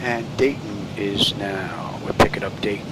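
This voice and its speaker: Low guy narrating from the cockpit, easygoing pilot chat, noticeable engine hum behind. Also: unhurried. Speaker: pilot in a flight trainer. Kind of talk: casual cockpit commentary. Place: small cockpit trainer. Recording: steady loud cockpit hum. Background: air conditioning-like engine hum.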